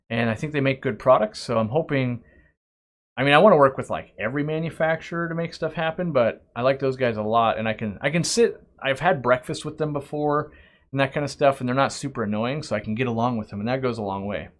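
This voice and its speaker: A middle-aged aquarium shop owner hosts a live stream Q&A in an ordinary, medium-pitched voice, talking off the cuff. Loose, friendly and unscripted, he rambles between topics with many restarts and asides, reading viewers' questions aloud before answering them.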